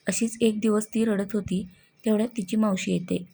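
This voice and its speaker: A woman reading a scripted story aloud in an even manner. Her voice is husky and mellow, with a gravelly creak running through it. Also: medium pitch, normal speed.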